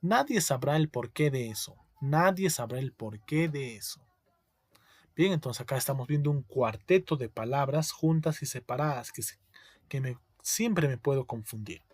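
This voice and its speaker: A male teacher giving a spelling lesson, explaining slowly, repeating each word and checking in with his students. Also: mid-range voice, lively intonation, husky, no room sound.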